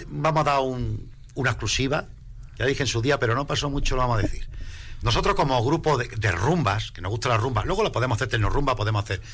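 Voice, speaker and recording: A man, a rumba singer, chatting in a radio interview in an animated, emphatic way. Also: medium pitch, a little hiss or hum. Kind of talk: casual interview chat.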